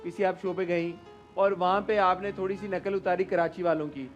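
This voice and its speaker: A man's voice: high-pitched, fairly even intonation, normal speed, lo-fi sound, loud music behind the voice. A man hosting a talk show, asking questions casually and prompting his guest, mixing English in. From Pakistan.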